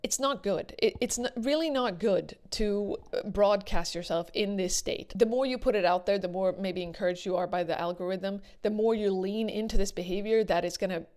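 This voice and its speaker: A woman's voice: medium pitch, moderate pace, hardly any pauses, a little mellow. Woman giving earnest, emphatic commentary. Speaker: video commentator. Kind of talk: casual opinion commentary to viewers.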